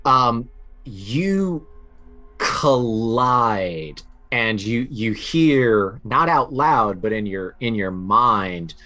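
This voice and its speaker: A man running a tabletop game as game master, describing scenes in a halting way full of ums and restarts. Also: medium pitch, animated, bright, forceful tone, faint music behind.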